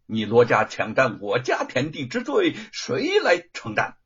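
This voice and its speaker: A storyteller voicing a defiant young scholar who fires back with question after question, his voice rising and falling widely. it is husky and comes through a dull, lo-fi recording. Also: on the high side, huge pitch swings, a little slow, heavily acted. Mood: indignant. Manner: forceful, indignant, rhetorical. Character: defiant young male scholar, proud and indignant.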